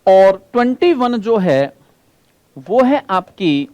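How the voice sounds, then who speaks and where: A man teaching an exam-prep class in a high voice that rises and falls a great deal. He keeps asking his students questions and repeats each point, and he slows right down on key terms. The sound is dry and close. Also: big pitch swings, dry recording, dull audio. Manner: stretches key terms out slowly.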